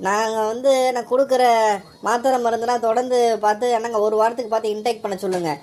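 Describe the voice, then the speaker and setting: A woman voicing a hospital doctor in a cartoon, calmly and patiently explaining to a mother. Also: on the high side, fast, a little hiss or hum, natural voice.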